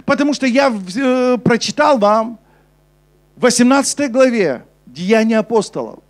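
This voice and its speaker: A young man preaching a sermon on a church stage with a handheld mic, switching between emphatic urgency and a soft, low delivery. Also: lively intonation, moderate pace. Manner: preaching with rising intensity, then dropping soft and low for scripture. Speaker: pastor. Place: church stage before a congregation.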